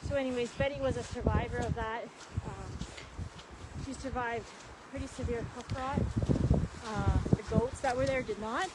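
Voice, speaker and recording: A woman chatting casually as she guides a walking tour outdoors, telling stories in an animated way and acting out reactions. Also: on the high side, moderate pace, long pauses. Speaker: sanctuary founder and tour guide. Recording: noisy outdoor recording, clicks and footsteps.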